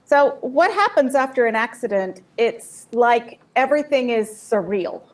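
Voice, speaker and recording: A woman's voice: on the high side, lively intonation. Woman telling a story in short bursts. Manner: vivid storytelling, pausing for translation. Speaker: guest speaker. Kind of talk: personal testimony with live interpreter.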